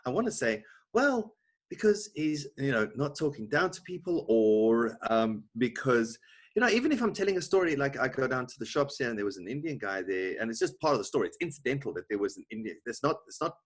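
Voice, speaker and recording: A man's voice: mid-range voice, sing-song, fast talker, husky. A South African man hosting a podcast over a video call, earnestly searching for the right words. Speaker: podcast host. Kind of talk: podcast conversation.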